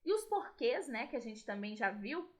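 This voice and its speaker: A Spanish teacher with a Brazilian Portuguese accent explains grammar in a recorded video lesson, often checking in with her students through tag questions. Her voice is on the high side, with big pitch swings at a moderate pace.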